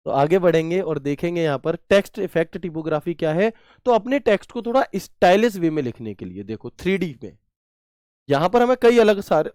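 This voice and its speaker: A man's voice: on the high side, darkish tone, no echo, studio quality. A man teaching a computer class online, chatty, asking questions and answering them himself with homely examples.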